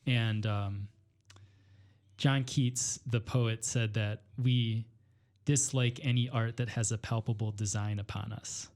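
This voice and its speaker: A man from northwestern Illinois, a poet and teacher, speaking reflectively as a podcast guest, pausing often with fillers and restarting his sentences. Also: on the low side, fairly even intonation, a little mellow. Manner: thoughtful, hesitant, many fillers and restarts. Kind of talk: reflective conversation.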